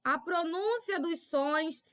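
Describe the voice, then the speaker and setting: A woman's voice: very high voice, takes it slowly, a bit bright. A woman teacher, giving a recorded lesson to children and patiently checking in with little tag questions. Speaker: primary school teacher.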